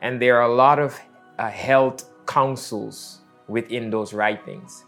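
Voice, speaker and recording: A man, telling his personal faith story in a reflective, halting way with many fillers. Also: medium pitch, steady tone, gravelly, fairly bright tone. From Netherlands. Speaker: missionary. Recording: faint music underneath.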